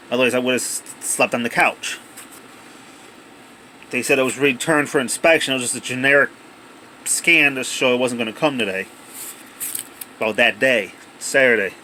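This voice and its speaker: An amateur unboxing video maker narrates casually and off the cuff, recording indoors at home on a handheld cell phone. His mid-range voice has a sharp tone, with a little hiss or hum in the audio.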